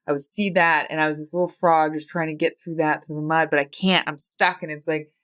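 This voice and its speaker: A woman's voice: sits low, flat delivery, a little fast, fairly bright tone. A woman in her thirties hosting a solo podcast, talking in a rambling, heartfelt, confessional way full of fillers and restarts. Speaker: podcast host.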